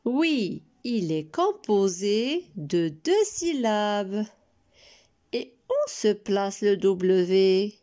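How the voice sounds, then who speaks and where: A woman teacher giving a recorded lesson to young children, spelling out letters and syllables slowly and praising often. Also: mid-range voice, very animated, warm tone. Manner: slow and carefully spelled out, encouraging. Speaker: preschool teacher.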